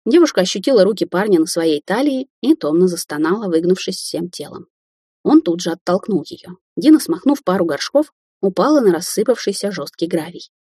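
A woman narrating an audiobook in a steady, even storytelling manner. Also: on the low side, a little fast, husky, no room sound, clean studio sound.

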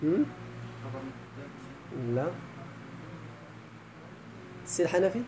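A man with a Moroccan accent teaching an Arabic grammar lesson, chanting verses slowly and quizzing his students. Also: sits high, very animated, noisy background.

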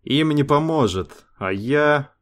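A man voicing a weary, fatalistic male cosmonaut in an audiobook, speaking quietly with sighing resignation. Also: a little high, animated, slow, voice pushed up. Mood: offering. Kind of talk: audiobook character voice.

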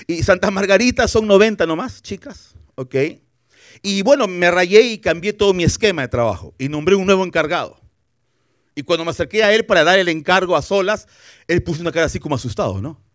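A man preaches a sermon as a guest pastor, with a fairly high voice. He is animated, acts out what people say and keeps asking his listeners questions. The sound is dry and close, picked up by a broadcast mic. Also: fairly quick, no echo. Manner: animated, acts out quotes, asks rhetorical questions. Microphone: broadcast for television.

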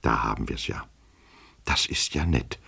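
A man's voice: extremely low pitch, sing-song, normal speed, full character voice. A man voicing a nervous, fawning official who stammers and pleads, in an audiobook reading. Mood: muttering. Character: nervous, fawning male official, anxious and flustered.

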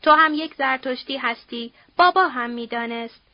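A woman's voice: high-pitched, no echo, highs cut off, close to an everyday voice. A woman voicing a young man, a grieving son who talks in an earnest, defiant way.

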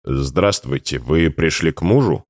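A man voicing a tired, restrained police investigator who speaks calmly and briefly. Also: rumbling low, a little slow, no room sound, studio quality.

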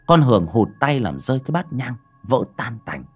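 A man's voice: mid-range voice, big pitch swings, normal speed, slightly rough, faint music behind. A man narrating an audiobook story in a dramatic manner. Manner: dramatic, varied delivery.

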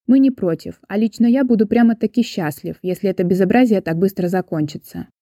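A woman's voice: mid-range voice, brisk, dark tone, no room sound, studio quality, natural voice. A woman reading the part of a wry man on a jury, speaking for the group in a sardonic manner. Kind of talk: audiobook reading.

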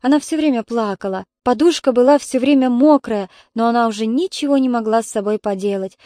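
A woman narrating an audiobook in a measured, somber way. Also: fairly high pitch, mellow, dry recording, clean studio sound. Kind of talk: scripted narration.

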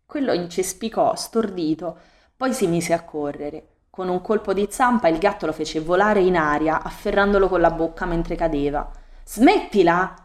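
A woman reading a novel aloud as an audiobook in a calm, measured storytelling manner. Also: on the low side. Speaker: audiobook reader. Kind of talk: audiobook narration.

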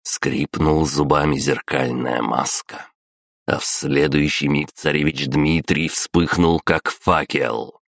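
A male audiobook narrator reading a fantasy novel with steady, dramatic storytelling. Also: very deep voice, takes it slowly, creaky, no room sound, clean studio sound.

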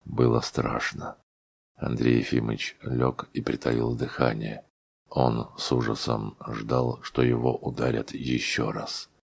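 A man reading a literary audiobook in a slow, somber storytelling manner. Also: very deep voice, flat delivery, gravelly, husky. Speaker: audiobook reader.

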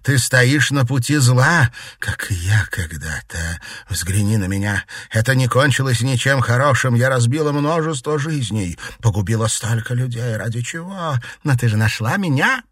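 A man's voice: mid-range voice, animated, normal speed, hardly any pauses, fairly bright tone, husky, no room sound, studio quality, voice pushed up. A man reading an audiobook, voicing a countess who reproaches and pleads with her daughter. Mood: pleading. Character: anxious aristocratic mother, a countess, pleading. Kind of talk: audiobook narration.

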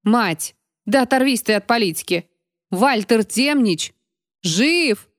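A woman voicing a blunt, impulsive young woman who shouts her words. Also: fairly high pitch, animated, slow, dry recording, clean studio sound. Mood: urgent.

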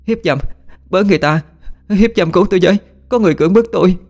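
A man's voice: fast talker, a little mellow, soft background music. A man voicing a spirit that fakes a young woman's panicked screams for help. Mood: shrieking. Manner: shrill panicked shrieking.

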